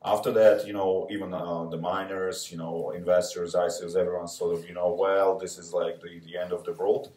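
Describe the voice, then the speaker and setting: A man speaking as a panelist, halting and full of fillers. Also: low voice, little pitch movement, dark tone. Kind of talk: live panel talk. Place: coworking space event room. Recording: echoey room from far off.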